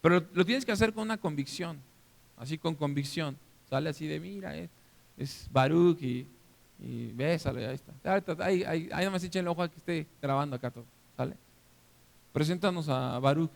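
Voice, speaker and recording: A man with a Mexican accent preaching a sermon as pastor, animated and interactive, often checking that the congregation is following. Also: on the high side, a little fast, creaky. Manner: animated, acts out scenes for the listeners. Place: church hall. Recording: long reverb of a church hall.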